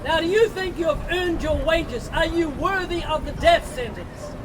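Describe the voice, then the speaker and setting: A man doing doomsday street preaching, questioning a passerby pointedly and explaining in a deliberate, emphatic way. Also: very high-pitched. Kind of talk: street evangelism interview, leading questions and explanations. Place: outdoors on a public street. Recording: noisy busy street with traffic and crowd.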